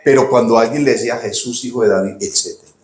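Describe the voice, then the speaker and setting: A man with a Colombian accent preaching a sermon as a pastor. He talks conversationally, calls listeners "hermano", asks "¿cierto?" to check they follow, and jumps high and loud when he acts out quoted cries. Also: rapid-fire. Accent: Colombian Spanish. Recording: roomy, echoey sound.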